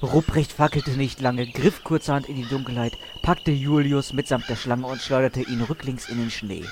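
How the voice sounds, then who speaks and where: A man's voice: medium pitch, fairly even intonation, normal speed, noisy background, natural voice. A man playing a solemn, pompous narrator of heroic tales in a scripted comedic audio drama. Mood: solemn, mock-epic. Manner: mock-epic, solemn.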